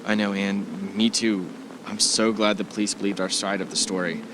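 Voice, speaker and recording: In a clearly noisy amateur audio drama, a man with a lowish, level voice plays a worried but supportive husband. He speaks at a moderate pace, lightly acted, hesitant and reassuring, in a subdued, tender mood.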